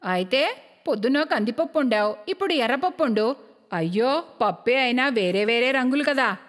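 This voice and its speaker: A woman's voice: fairly high pitch, expressive, normal speed, big-room sound, close to an everyday voice. A woman voicing a stingy, bossy middle-aged mother-in-law who scolds and mocks in a cartoon story. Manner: scolding, sarcastic.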